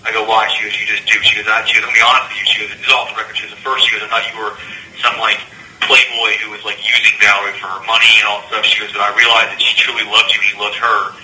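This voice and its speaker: A man's voice: on the low side, little pitch movement, racing, bright, forceful tone, slight background noise. A man talking on a jail payphone call, boastful and rambling in casual chat, heard as an echoey phone recording. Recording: echoey phone line played in a courtroom.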